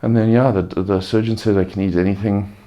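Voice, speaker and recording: A man giving a casual, unscripted personal update, sounding subdued and halting, weary and sore-throated after surgery, with a gravelly voice. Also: on the low side, level tone, mellow, muffled recording. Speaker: vlogger giving a recovery update.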